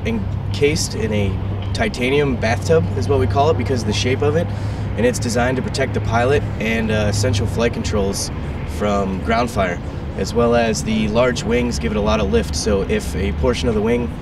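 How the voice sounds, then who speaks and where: A man in a military aircraft crew explaining equipment informally, matter-of-fact, with pauses. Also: medium pitch, expressive, distant mic, loud music behind the voice. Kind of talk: informal explanatory interview talk. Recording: off-mic outdoors, loud engine noise.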